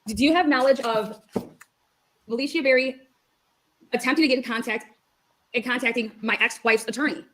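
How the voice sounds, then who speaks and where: A woman's voice: a little high, a bit bright, low-quality recording. A woman representing herself in court, firing off repeated questions at a witness. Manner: rapid-fire, repetitive questions.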